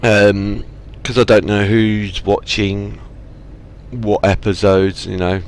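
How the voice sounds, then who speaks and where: Gravelly-voiced man chatting while gaming. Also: lowish voice, flat delivery, slow pace. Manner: rambling, self-deprecating, apologetic asides. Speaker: gaming channel host. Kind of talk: casual let's-play commentary. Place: home gaming setup.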